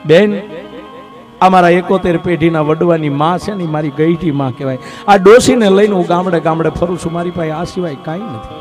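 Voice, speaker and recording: A man voicing a poor, humble wandering man who pleads softly and devotedly, with guitar music behind. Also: high voice, a little fast, lightly acted. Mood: sorrowful.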